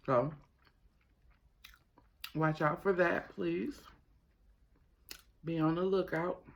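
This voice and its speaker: A man hosting a mukbang, talking casually to viewers with his mouth sometimes full, gossipy and emphatic, pausing and repeating phrases. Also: a little high, fairly even intonation, gravelly, fairly bright tone, slight background noise. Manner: talks while eating, mouth sometimes full. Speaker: mukbang host. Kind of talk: casual chatty commentary to viewers while eating.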